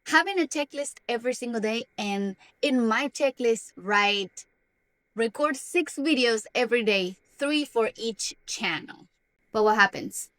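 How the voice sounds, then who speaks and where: A young Argentine woman, a native Spanish speaker, makes a self-development vlog, talking earnestly and confidingly to the camera about her own life with a few restarts. Her voice is fairly high, animated, and fairly bright, her pace a little slow, and the audio quality is poor.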